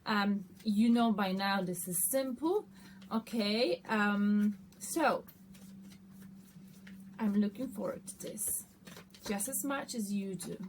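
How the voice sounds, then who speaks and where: A woman's voice: mid-range voice, slow, long pauses. A woman giving a casual, conversational tarot reading, often checking in with her listeners. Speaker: tarot card reader hosting an online reading. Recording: noticeable background noise.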